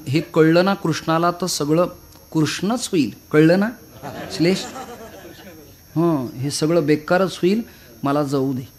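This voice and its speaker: A man's voice: on the high side, close to an everyday voice. A male preacher voicing a coy young princess who later turns into a scolding wife, played for comedy. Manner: teasing, comic.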